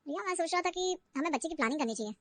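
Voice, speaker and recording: An easygoing young husband voiced by a woman chats casually and shrugs things off in a cartoon. The voice stays high and races along, with a dry close sound. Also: expressive, racing, fairly bright tone, no room sound. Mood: eager. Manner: casual, brushing questions off. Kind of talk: cartoon voice acting.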